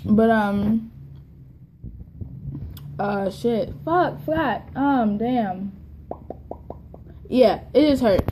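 A woman's voice: a little high, extremely slow, pauses often, dark tone. A young woman vlogging casually with plenty of swearing, her speech slightly impeded and lisping from a new tongue piercing. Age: young adult. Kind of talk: casual, profane vlog chat. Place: indoors in a kitchen. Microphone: phone at arm's length. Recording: clear background room noise on phone recording.

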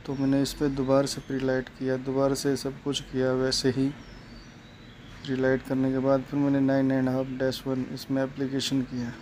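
A man's voice: medium pitch, completely flat delivery, moderate pace, a little mellow, a little hiss or hum. A man talking through a hair coloring job step by step in a plain, explanatory way. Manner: plain, explanatory, repeats steps. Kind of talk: step-by-step salon tutorial narration.

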